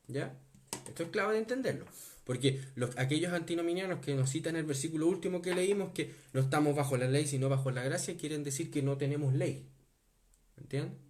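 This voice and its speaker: A man preaching a Bible teaching sermon, stressing key words, slowing down on them and often asking his listeners whether they follow. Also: fairly high pitch, a little mellow. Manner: asks the listeners to confirm often.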